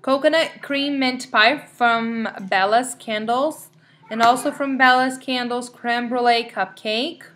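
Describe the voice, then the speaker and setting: A woman's voice: fairly high pitch, fairly even intonation, slow, fairly bright tone, slight background noise. A young woman casually chatting to viewers in a rambling, bubbly way while reading out product names one by one. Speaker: vlogger showing wax melts. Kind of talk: casual chatty haul vlog.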